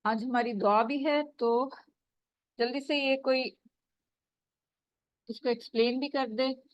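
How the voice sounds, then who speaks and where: A woman leads an online Quran recitation lesson, speaking slowly and patiently as she calls on students and models each sound. Her voice sits a little high. The call audio is dull and dry. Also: steady tone, no room sound. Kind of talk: online tajweed class. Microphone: video call.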